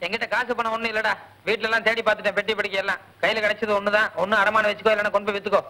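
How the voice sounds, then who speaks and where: Man, comic film actor, very high voice, bright tone, melodramatic wailing delivery. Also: level tone, racing, a little hiss or hum. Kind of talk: comedic film acting.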